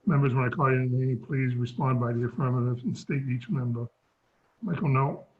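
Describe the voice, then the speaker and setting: Over a remote video call, a man chairing a town sewer commission meeting works through his script, his medium-pitched voice hoarse and fairly even as he loses it. He's halting and trips over the scripted wording, and the call audio sounds dull and lo-fi.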